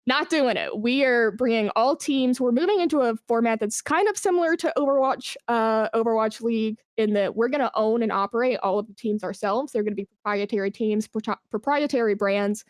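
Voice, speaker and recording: A podcast guest who manages an esports brand chats informally in an interview, her voice a little high and a little quick with hardly any pauses. She explains things using examples and emphasis, and the studio-quality recording has no echo.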